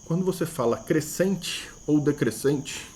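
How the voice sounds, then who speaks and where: A man's voice: fairly high pitch, measured pace, darkish tone, slight background noise. Man explaining math, thinking aloud. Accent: Brazilian Portuguese. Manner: thinks aloud, repeats key words, asks rhetorical questions. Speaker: math teacher. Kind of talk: explanatory video lesson.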